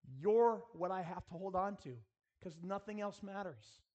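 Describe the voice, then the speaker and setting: Unhurried and a little mellow, a man's high voice comes through lo-fi sound. In an earnest school chapel style, he exhorts his listeners and addresses them directly in a sermon with rhetorical questions and prayer.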